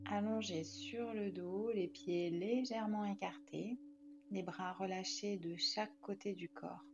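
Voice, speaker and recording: This is a yoga nidra guide, a woman with a mid-range voice, leading a relaxation meditation in a soothing, calm way. The audio comes across muffled.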